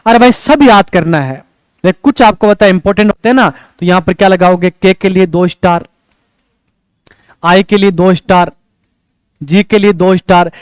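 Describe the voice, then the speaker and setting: A man's voice: high-pitched, moderate pace, long pauses, clean tone, dry recording. A male coaching teacher, lecturing a class and checking in with rhetorical questions as he teaches memory tricks.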